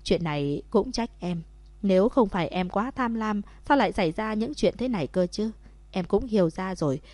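A woman's voice: animated, normal speed, dark tone, dry recording, lightly acted. A woman voicing a young wife in a storybook, emotional and outspoken toward her husband. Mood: soft. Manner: emotional high calls. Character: young wife, frightened then scolding.

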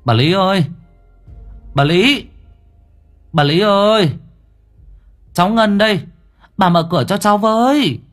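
An anxious young village woman, as a male narrator puts her on, calling out with urgency, her voice lifted well above the reader's own and bouncing with worry. Soft music hums faintly behind. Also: sits high, expressive, a little slow, long pauses, pitched above the performer's own voice. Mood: urgent worried.

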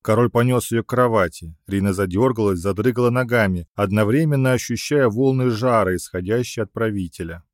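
Male narrator, low voice, dramatic reading, dry close mic. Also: brisk, hardly any pauses, no echo. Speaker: audiobook narrator. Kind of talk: scripted narration of a fantasy romance.

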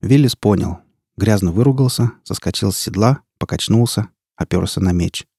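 A male narrator reads an audiobook in a measured, grave way. His voice is low and gravelly, dark and husky. The sound is dry and close to the mic. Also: no room sound.

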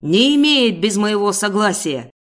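A raging, loud middle-aged boss, voiced by a woman reading a story aloud. He bellows and snarls, crude and bullying, hammering every phrase at full volume. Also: medium pitch, animated, normal speed, close to an everyday voice. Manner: shouting, snarling, hurling insults.

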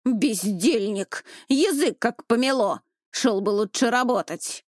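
A woman voicing a quarrelsome village woman of about forty who scolds loudly in a ringing voice. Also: fairly high pitch, animated, slow pace, no echo, clean studio sound. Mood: scolding. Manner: loud, scolding, ringing chatter.

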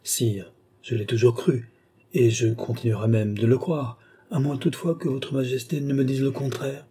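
A man's voice: mid-range voice, steady tone, normal speed, warm tone, slightly rough, close to an everyday voice. A man reading the part of a flustered, deferential royal tutor who answers hesitantly and nervously. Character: flustered elderly male royal tutor, timid and evasive. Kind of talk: audiobook character reading.

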